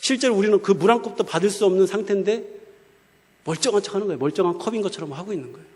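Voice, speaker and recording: A man's voice: high-pitched, rapid-fire, a little mellow, slightly rough. A male preacher giving a conversational sermon and often asking the congregation rhetorical questions. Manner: asks the crowd rhetorical questions, colloquial. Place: church hall. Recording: long echo of a church hall.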